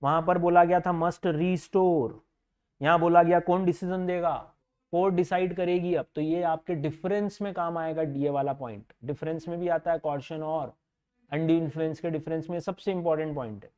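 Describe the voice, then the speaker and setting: Indian male law teacher with a high voice, live online class, code-switches and dictates slowly. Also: fairly even intonation, darkish tone, clear, resonant tone, dull audio. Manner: slowly dictates English legal text, mixes Hindi and English; reads student comments aloud and answers them.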